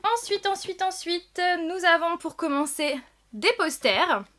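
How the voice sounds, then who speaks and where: Bright, high-voiced woman unboxing. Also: expressive, measured pace, a little hiss or hum. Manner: gushing, chatty, repeats praise words. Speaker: vlogger. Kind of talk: casual unboxing vlog.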